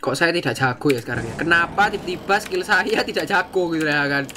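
A woman with a Javanese-inflected Indonesian accent, giving excitable gameplay commentary, often shouting and fretting and dropping English slang. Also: on the low side, fast, background noise. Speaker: gaming YouTuber.

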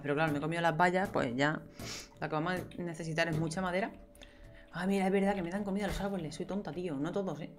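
Here a young female streamer gives casual, chatty commentary while gaming, her voice sitting low. She talks to herself and her viewers, tossing out playful exclamations.

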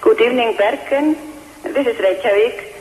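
A woman reading out a jury's results on a live broadcast link in a slow, careful, formal way. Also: a little high, darkish tone, slight background noise. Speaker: jury spokesperson. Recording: remote broadcast link, echoey with long reverb.

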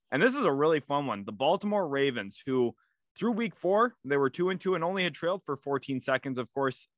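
Energetic young man hosting sports picks. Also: mid-range voice, no room sound. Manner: energetic, leads the segment and hands questions to co-host. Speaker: sports podcast host. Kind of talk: casual sports prediction talk.

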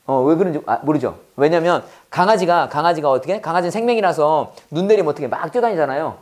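A man leads an English lesson, his pitch swinging widely as he drills phrases. He fires questions at the class and answers them himself, repeating each phrase for the learners to copy. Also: lively intonation, fast talker, a little mellow. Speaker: English teacher.

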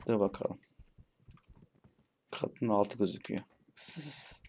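A man's voice: fairly low pitch, takes it slowly, slight background noise. A young man giving casual gameplay commentary, chatty and cursing playfully at the bots. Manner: chatty, swears playfully at bots, shouts when frustrated. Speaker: gaming YouTuber.

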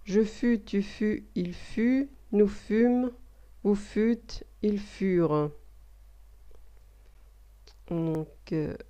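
Slow, mellow-voiced woman dictating a lesson. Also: mid-range voice, clean tone. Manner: slow, repeats words, explains grammar step by step. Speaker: teacher giving a dictation. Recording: dull lo-fi recording.

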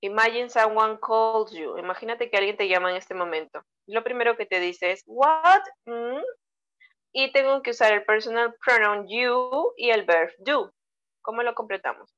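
A woman from Peru, speaking English with a Peruvian Spanish accent, gives a bilingual online English lesson, walking through grammar step by step and praising her students. Her voice is a little high and fairly bright, at a normal speed, and the recording has its highs cut off.

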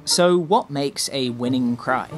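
A man's voice: mid-range voice, slow. A man reading scripted narration for a feature report as its reporter. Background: music.

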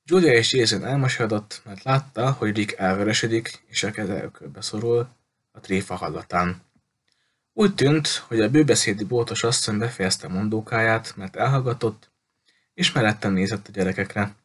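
A man narrating an audiobook in a steady storytelling manner. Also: on the low side. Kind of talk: audiobook reading.

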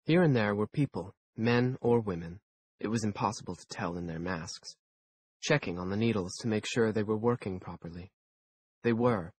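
A man reading a first-person audiobook aloud in a measured, dry storytelling manner. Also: fairly low pitch, a little mellow, breathy edge, no room sound. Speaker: audiobook narrator.

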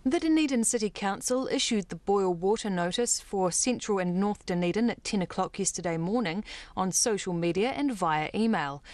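A woman with a New Zealand accent narrates a news report in a clear, even reporting tone. Her voice is dry and close to the mic. Her pitch sits in a normal middle range. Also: moderate pace, no room sound.

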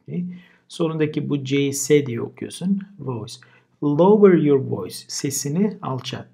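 A man's voice: fairly high pitch, expressive, normal speed, gravelly, dark tone, slightly rough. A man teaching English vocabulary in a casual lesson. He says each word twice and then explains it. Turkish is his first language.

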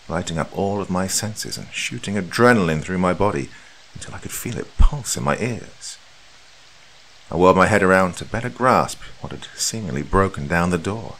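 A man with a very low voice narrates a horror story. His delivery is dramatic and measured, swinging widely in pitch to build tension. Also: fairly bright tone, rough recording. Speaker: horror podcast host and narrator.

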